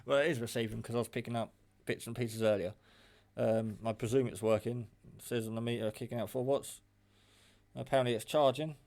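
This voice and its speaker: Speaking a touch quickly in a steady, medium-pitched voice with a darkish tone, a radio enthusiast talks his way through trying out a gadget at his home table. The narration is casual, wandering and wryly self-mocking, captured by an unseen operator on a handheld phone camera.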